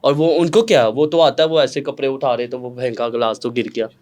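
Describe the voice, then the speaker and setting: A young man from Pakistan with a Pakistani Urdu accent, telling stories dramatically as an interview guest, jumping between loud outbursts and hushed asides. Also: mid-range voice, steady tone, a little fast. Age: young adult. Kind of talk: casual interview storytelling.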